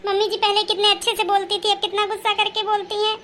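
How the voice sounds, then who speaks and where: An actress playing a whiny, helpless, educated young daughter-in-law in a comedy skit. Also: female voice, extremely high pitch, flat delivery, fast talker, bright, forceful tone, a little hiss or hum. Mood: pleading.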